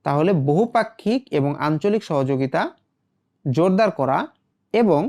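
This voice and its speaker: A man's voice: on the high side, animated, normal speed, a little mellow. A man teaching an English lesson, reading English phrases and explaining them, often asking himself questions and answering them. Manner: reads English phrases then glosses them.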